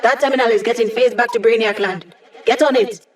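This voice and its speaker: A woman's voice: a little high, fairly quick, close to an everyday voice. An actress voicing a snarky young female hacker in a video game, talking in a casual, wry, sardonic way. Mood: urgent, focused.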